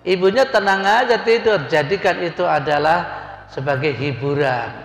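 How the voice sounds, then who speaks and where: A man's voice: on the high side, moderate pace. A middle-aged man preaching as a hajj guide, folksy and chatty, acting out the people in his stories. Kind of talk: sermon with storytelling. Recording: echoey hall with faint music.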